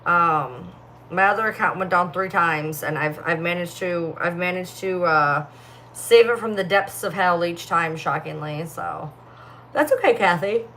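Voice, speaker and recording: Speaking at a measured pace, a young woman with a distinctive, somewhat low and slightly bright voice reads comments during a casual phone livestream. She sounds sleepy, yawns, and rambles with heavy filler words, while slight background noise sits under the audio.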